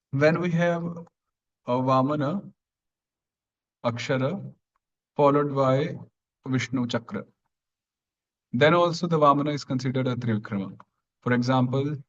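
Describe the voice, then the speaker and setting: A man teaching an online grammar class, explaining patiently step by step and clearing his throat now and then. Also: medium pitch, lo-fi sound.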